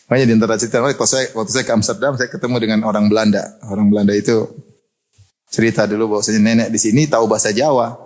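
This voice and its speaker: A middle-aged man from Indonesia preaching a sermon, animated and joking and often laughing. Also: on the low side, very fast.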